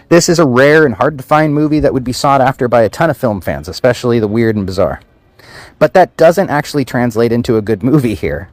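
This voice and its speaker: A man's voice: mid-range voice, dry recording. A man hosting a film podcast, reading a scripted movie review in a wry, sarcastic way with casual fillers.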